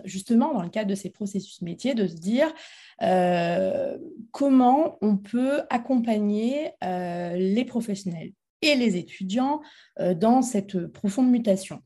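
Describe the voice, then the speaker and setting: Woman, warm mellow tone, hesitant, many fillers, interview guest. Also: mid-range voice, animated, measured pace. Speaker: guest, founder of a training institute. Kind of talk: interview conversation. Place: Montpellier, France.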